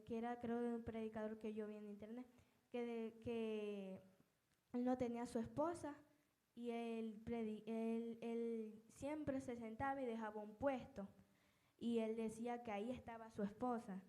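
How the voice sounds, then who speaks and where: A woman preaching a personal testimony sermon, telling her story in a halting way with many restarts and repeated words. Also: on the high side, warm tone, rough recording. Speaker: lay preacher.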